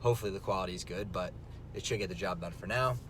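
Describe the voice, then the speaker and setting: A young man from New Jersey, filmed on a phone while driving, chatting loosely and rambling with lots of filler words. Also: fast. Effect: filmed on a phone in a moving car. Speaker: vlogger. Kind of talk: casual vlog chat while driving. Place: inside a car on the road. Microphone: phone camera mic. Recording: phone video with loud car rumble. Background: vehicle engine and road rumble.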